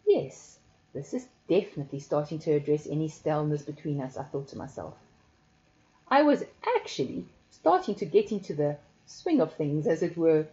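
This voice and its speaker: A woman reading a first-person story aloud in a soft, measured, intimate way. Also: on the low side, muffled recording. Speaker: audiobook narrator.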